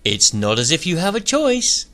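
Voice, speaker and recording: A man's voice: fairly high pitch, big pitch swings, unhurried, bright, forceful tone, voice pushed up, full character voice. A man voicing a cheery male messenger god in a rhyming storybook, speaking in a breezy, raised voice.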